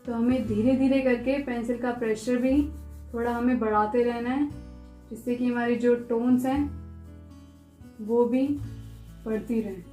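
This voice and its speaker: A woman with a slightly high voice teaches a drawing tutorial at an unhurried pace. She repeats each instruction with patience. Her voice rings in a roomy space, with faint music in the background. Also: fairly even intonation, mellow. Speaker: art teacher. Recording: echoey room with faint music.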